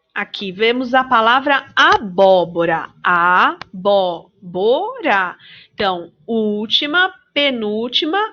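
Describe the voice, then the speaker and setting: A Brazilian woman teacher talks through slides to young children in a patient, clear way and stretches each example word out slowly. Her voice is bright and fairly high. It comes through a dull, lo-fi recording. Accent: Brazilian Portuguese. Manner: slow, drawn-out pronunciation of example words; patient, addresses children directly. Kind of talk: remote primary school lesson.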